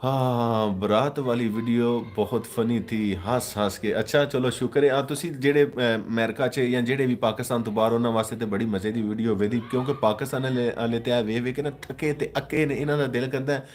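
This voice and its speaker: Punjabi guy on a live stream, joking around, reading out comments, mid pitch. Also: steady tone, brisk, few pauses. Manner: joking, switches into mocking put-on voices.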